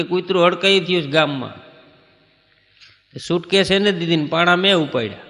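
A man's voice: high-pitched, pushed and bright, long reverb tail. A man performing stand-up comedy, telling anecdotes and acting out short exchanges between people. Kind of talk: Gujarati folk stand-up storytelling.

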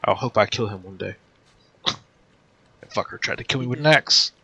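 A man's voice: lowish voice, moderate pace, bright, forceful tone, husky. A man chatting casually while playing a game with friends, offhand and swearing now and then. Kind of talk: casual gaming chat.

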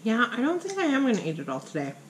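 A woman chatting casually with her mouth full while eating on camera, giving relaxed running commentary on the food. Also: on the high side, fast talker, slight background noise. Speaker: mother co-hosting a mukbang.

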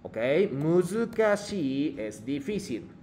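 Hombre que enseña japonés en español. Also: male voice, fairly high pitch, sing-song, takes it slowly, warm tone, a little hiss or hum. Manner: explanatory, checks in with "¿sí?" and "¿ok?"; mixes Japanese phrases into Spanish. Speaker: Japanese teacher. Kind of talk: online language lesson.

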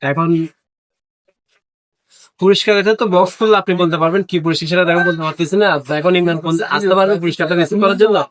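A man's voice: high-pitched, steady tone, quick pace, a bit bright, no room sound. A man, hosting an informal lucky draw and speaking to winners. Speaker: host of a salon lucky draw. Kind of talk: informal prize-draw announcing and phone calls to winners.

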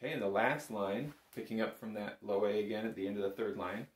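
A bagpipe teacher with a fairly low, quick voice walks through a casual music lesson step by step, counting beats and checking in along the way. He's in a small indoor room packed with instruments, recorded by a camera a short distance in front, so the sound has a roomy echo.

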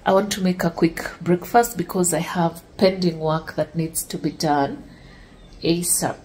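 The audio is poor as this lifestyle vlogger, a young woman whose voice sits on the low side, talks at a measured pace. Filming herself handheld at home in the kitchen and dressing room, she stays relaxed and chatty, speaking to her "guys."

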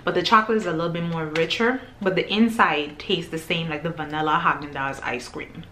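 A woman chatting casually to camera as she tastes and reviews groceries, describing each bite between pauses. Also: deep voice, steady tone, sharp tone, slight background noise. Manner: chatty, tasting and describing food between bites.

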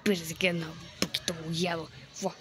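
A woman's voice: fairly low pitch, little pitch movement, a little fast, fairly bright tone. A woman giving casual gameplay commentary, playfully boasting, grunting with effort and whispering asides, her throat a little sore. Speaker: gamer.

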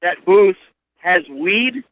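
A man calling in to a radio show, teasing the hosts in an animated way. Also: high voice, slow pace. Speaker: caller. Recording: muffled phone line with crowd noise.

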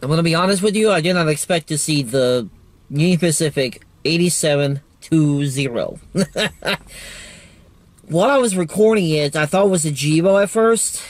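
A man vlogging trackside outdoors on a handheld phone, gushing and excitable. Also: a little high, normal speed. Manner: excitable, gushing, loud whoops. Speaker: railfan vlogger. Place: outdoors by a railroad line near a store lot.

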